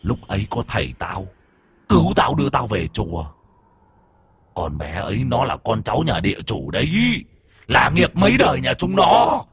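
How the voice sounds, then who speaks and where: A man voicing the vengeful ghost of a murdered orphan boy, snarling and swinging from low hisses to shrieks. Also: sing-song, normal speed, breathy edge, no room sound, full character voice. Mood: bitter.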